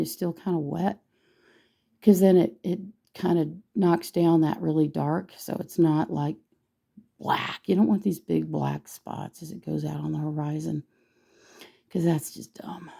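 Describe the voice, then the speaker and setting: Hoarse raspy lady doing a painting lesson, low-ish voice, jokes about being lazy. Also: mellow. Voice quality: gravelly, husky voice. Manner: chatty, self-deprecating, thinks aloud while painting. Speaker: painting teacher. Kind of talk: casual painting tutorial.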